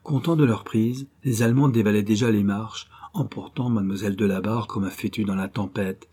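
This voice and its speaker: A male audiobook narrator reads in a measured, grave storytelling manner. His voice is low, dark and mellow with a husky edge. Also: steady tone. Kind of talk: scripted narration.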